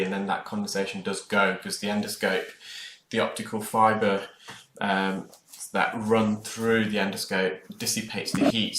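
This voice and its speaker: Speaking to viewers as a clinician, this man rambles hesitantly through a casual voice-over for videos of his own ear care procedures. He has a fairly low, slightly bright voice. Procedure sounds come through clearly in the echoey room.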